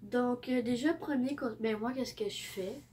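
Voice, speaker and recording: Down with the flu, a teenage vlogger with a Québécois French accent rambles through some tips, correcting herself and frequently sinking to a near-whisper. Her fairly high voice is unhurried and darkish in tone, over a faint hiss or hum.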